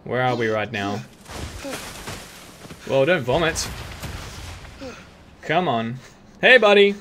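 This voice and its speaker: A man commentating while he plays a video game, excitable and jokey, often laughing and shouting at the game. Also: mid-range voice, takes it slowly, background noise. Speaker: gaming video host. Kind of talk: let's play commentary. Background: game music and gunfire.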